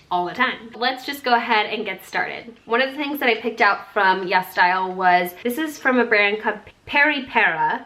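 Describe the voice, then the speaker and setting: A woman's voice: medium pitch, fairly bright tone. Bubbly young woman doing a skincare unboxing vlog, chatty, says like a lot, grew up in singapore. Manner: bubbly, chatty, lots of "like" and "oh my God". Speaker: beauty YouTuber.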